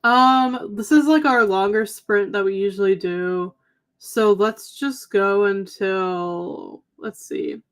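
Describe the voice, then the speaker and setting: A woman's voice: medium pitch, takes it slowly, clear, resonant tone. A young adult woman co-hosting a reading livestream, chatting casually with viewers, with a lot of "um" and "like," her voice slightly worn. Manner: chatty, lots of "um" and "like". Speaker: livestream co-host.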